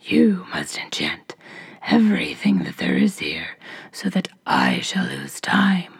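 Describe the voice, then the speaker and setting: A woman voicing a huge, tall, stout female ogress in a hoarse, very low whisper. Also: huge pitch swings, slow, full character voice. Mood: scheming.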